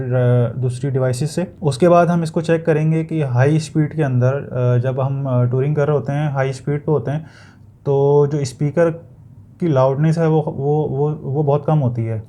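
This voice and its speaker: A man with a Pakistani accent and a warm, steady, medium-pitched voice gives a casual product review at a moderate pace, explaining things as in an unboxing video. He feels for his words and sometimes repeats them, with slight background noise.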